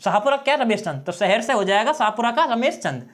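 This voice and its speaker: A man's voice: extremely high pitch, big pitch swings, a little fast, a bit bright. A male teacher giving an exam-prep lesson on memory tricks, often checking in with his students and repeating key phrases.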